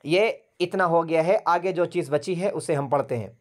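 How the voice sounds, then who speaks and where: A man's voice: on the high side, moderate pace. Patient man teaching English grammar. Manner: patient, repeats words and spells them out letter by letter. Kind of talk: online grammar class.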